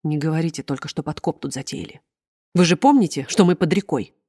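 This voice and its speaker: A woman's voice: sits low, animated, a little fast, warm tone, dry recording, studio quality. A woman reading an audiobook, voicing a stern, manipulative female official with a formal, commanding voice.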